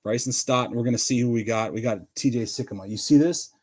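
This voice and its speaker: A man's voice: mid-range voice, quick pace, darkish tone. A man hosting a live card break, chatting casually, calling out players and laughing often. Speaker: card breaker livestream host.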